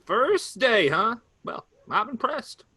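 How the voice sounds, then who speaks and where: Doing a full character voice for a staged play reading, a man plays an easygoing older farmer brother who coaxes and teases in folksy fashion. His delivery is very high, very animated, and slow, pushed and bright with a husky edge, and there's no room sound.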